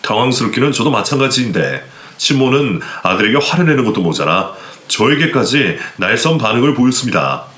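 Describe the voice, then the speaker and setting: A man reads a scripted first-person story in a dramatic, lively way. His tone is bright. The room sounds echoey, with quiet music underneath. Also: medium pitch, brisk. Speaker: story narrator. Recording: roomy echo, faint background music.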